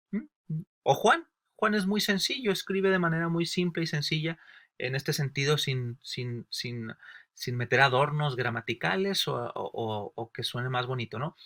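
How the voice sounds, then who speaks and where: Bright, forceful school teacher. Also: male voice, medium pitch. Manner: explains with everyday examples and asks rhetorical questions; addresses listeners often as brothers and sisters. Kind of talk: Bible lesson for new believers.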